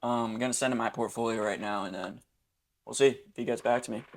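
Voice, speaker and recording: A young man with a dry throat, making casual, friendly cold calls to pitch his videography business, a little hesitant. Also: fairly even intonation, fast talker. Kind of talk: casual phone sales calls and commentary.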